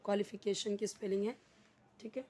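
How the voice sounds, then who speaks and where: A woman's voice: medium pitch, steady tone, warm tone. Hindi-speaking woman teaching spoken English. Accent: Indian. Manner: explains patiently, repeats phrases slowly.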